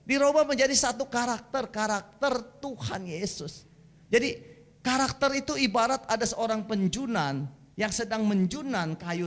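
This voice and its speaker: A man with a notably high voice delivers a sermon in a church. He talks in loose, slangy storytelling and mixes jokes with teaching about family life. The tone stays casual and animated throughout. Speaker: guest preacher. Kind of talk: humorous sermon.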